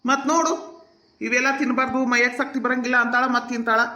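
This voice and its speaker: A man with a North Karnataka Kannada accent plays his part in a village comedy skit. He talks fast and teases with a joking edge. The room around him rings with echo. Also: extremely high pitch, level tone, pushed and bright. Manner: teasing, joking.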